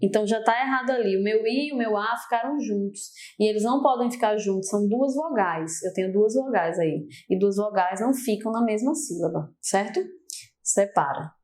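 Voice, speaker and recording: A woman's voice: mid-range voice, brisk, a little mellow. A young adult woman with a Brazilian accent teaching a grammar lesson for exam prep, explaining step by step and often turning to her students. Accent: Brazilian Portuguese.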